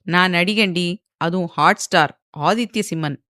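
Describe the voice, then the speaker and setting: A woman's voice: on the low side, unhurried, sharp tone, no echo, clean studio sound. Woman doing a cocky, taunting male film star. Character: arrogant male film star, mocking and forceful.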